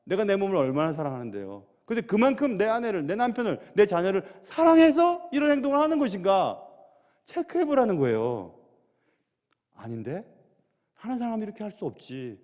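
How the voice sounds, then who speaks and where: A middle-aged man preaching a sermon as pastor, animated and full of rhetorical questions. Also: high-pitched, a little fast. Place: large church sanctuary. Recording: long church hall reverb.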